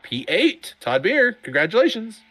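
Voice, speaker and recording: A middle-aged man giving chatty, excitable sim racing commentary, often laughing. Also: high-pitched, moderate pace. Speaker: race commentator.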